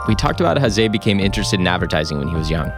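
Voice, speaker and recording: A man hosting a podcast, reading a scripted introduction in a measured, unhurried way. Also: low voice, very animated. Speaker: podcast host. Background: music.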